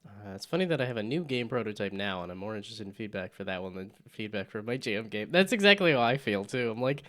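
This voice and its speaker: A man's voice: lowish voice, big pitch swings, fast talker, a bit bright. A man streaming a game, chatting casually, laughing often and reading the game's text aloud.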